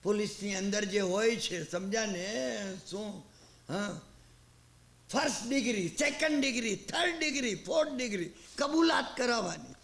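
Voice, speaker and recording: Male preacher, animated storyteller, high pitch, roomy sound. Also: moderate pace, vocal fry. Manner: animated storyteller acting out characters. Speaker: Jain preacher. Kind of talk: sermon with storytelling.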